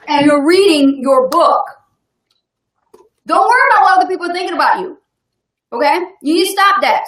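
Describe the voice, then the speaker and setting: A woman's voice: high voice, roomy sound. A woman co-hosting a live online business webinar, talking in an upbeat, emphatic motivational way and laughing often. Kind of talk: casual motivational talk.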